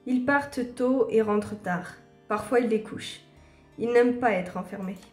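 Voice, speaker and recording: A woman's voice: on the high side, roomy sound, faint music behind, natural voice. A woman reading the lines of a courteous, formal male vampire aloud from a game. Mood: calm. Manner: polite, measured, formal.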